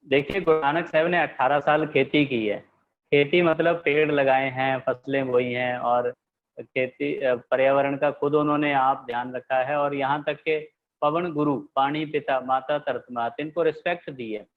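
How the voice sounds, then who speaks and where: A man giving a remote interview over a video call, explaining calmly while his call audio keeps breaking up. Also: medium pitch, measured pace. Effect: choppy call audio breaking up. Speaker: interview guest. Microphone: phone on a video call. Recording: tinny phone-like call line.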